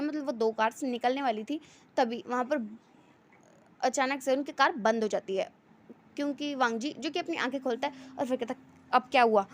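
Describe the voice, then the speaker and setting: A woman telling a fan-fiction story in a chatty, run-on way with many fillers. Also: sits high.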